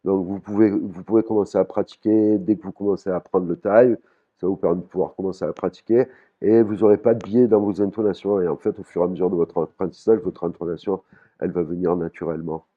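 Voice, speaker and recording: A man teaching a language lesson in a relaxed way, with frequent fillers, restarts and repeated words. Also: low voice, fast talker, narrow, tinny audio. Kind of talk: casual spoken lesson.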